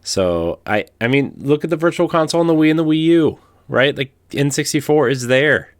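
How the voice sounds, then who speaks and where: A man's voice: on the high side, lively intonation, moderate pace, no room sound, clean studio sound. A man on a podcast panel giving casual opinions, often checking in with little tag questions.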